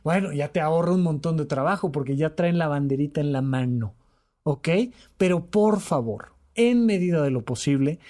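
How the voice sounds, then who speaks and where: A man with a high, light voice talks through a podcast on emotional health. He is animated and emphatic, repeats key phrases for weight, and slips into quick acted-out dialogue. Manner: animated, repetitive, acts out quoted dialogue.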